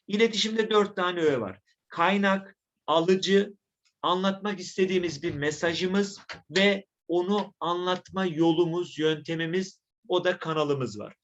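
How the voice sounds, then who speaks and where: A man teaching a recorded online lesson, who says his voice is rough and acts out examples to his students. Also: fairly high pitch, fairly bright tone. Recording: dull lo-fi sound.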